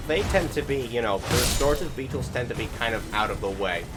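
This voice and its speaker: With music behind him, a man with a mid-range voice gives casual voiced-over commentary on his video game playthrough. He talks at a quick pace, rambling along and poking fun at himself.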